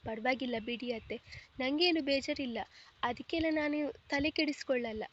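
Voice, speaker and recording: A woman voicing a feisty, sharp-tongued young wife in a storybook reading, with pert, quick retorts. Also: high voice, dull audio. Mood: gentle.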